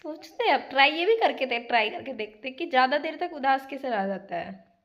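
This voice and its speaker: A woman's voice: high-pitched, big pitch swings, brisk, dull audio. A young woman vlogging casually, telling a personal story in a chatty way, dropping English phrases and saying "like" often. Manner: chatty, mixes in English phrases, says "like" a lot.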